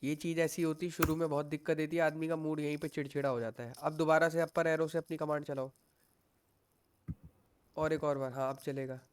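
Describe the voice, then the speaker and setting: A young man teaches a live coding class over a computer microphone. He speaks in a fairly high voice. He is patient and reassuring, and he slips English technical words into his sentences. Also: level tone, a little fast, clean tone. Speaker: coding instructor.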